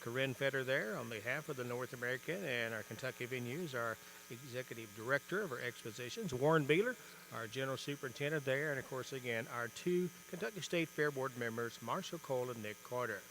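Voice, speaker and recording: Bright-voiced man announcing show ring winners. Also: medium pitch, fast talker, a little hiss or hum. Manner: formal, stretches out winners' names for emphasis. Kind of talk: ringside award announcing.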